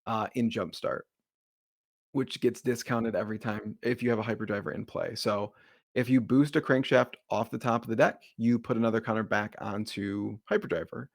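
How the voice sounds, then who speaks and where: A man with a slight Boston accent explaining a card game deck in a relaxed, rambling way with many fillers. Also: on the low side, normal speed, creaky, no echo, studio quality. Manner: jokes about his slight Boston accent. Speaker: deck builder, co-host. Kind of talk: casual card game discussion.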